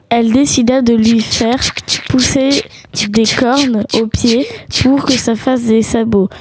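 A woman's voice: a little high, mellow, dry recording. A woman telling a children's animal tale as a storybook narrator.

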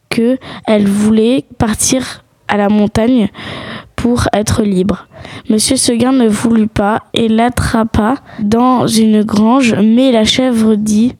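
A woman narrates a storybook tale as its storyteller. Her voice sits fairly high, and the sound is close and dry, free of room echo. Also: warm tone.

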